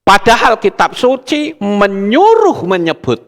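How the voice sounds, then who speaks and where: Gravelly-voiced man preaching in a hall. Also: high voice, measured pace. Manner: addresses congregation as "saudara", animated storytelling. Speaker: pastor. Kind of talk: sermon. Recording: long hall reverb.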